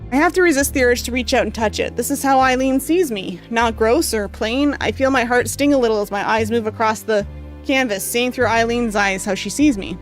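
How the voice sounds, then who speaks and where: With faint music behind her, a woman streamer speaks briskly in a slightly high voice, alternating between reading visual novel narration and casual chat with viewers. Her voice is fading from the long reading session and she coughs occasionally, rambling with lots of fillers.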